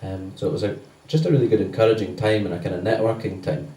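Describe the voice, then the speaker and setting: Low, mellow man giving church notices, chatty, in a roomy church. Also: quick pace. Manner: loose and conversational, many fillers. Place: church hall. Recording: roomy church sound from a distance.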